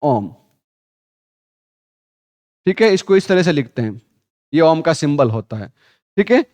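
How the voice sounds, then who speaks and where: A male physics teacher running a Hindi class lecture, quizzing students with repeated questions, calling them 'beta', and reading textbook lines slowly. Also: fairly high pitch, big pitch swings, darkish tone, dry recording, studio quality. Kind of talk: classroom lecture with call-and-response drills.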